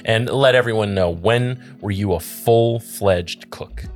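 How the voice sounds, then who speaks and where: A man hosting a casual chat, chatty and agreeable, with quick affirmations. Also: fairly low pitch, soft background music. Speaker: host.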